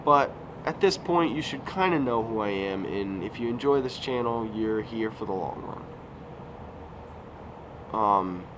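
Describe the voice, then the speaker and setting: With a fairly low, animated voice and a measured pace, a man in his thirties rambles casually through a YouTube vlog full of fillers and self-corrections. The noisy outdoor recording at a resort recreation area includes passing vehicles.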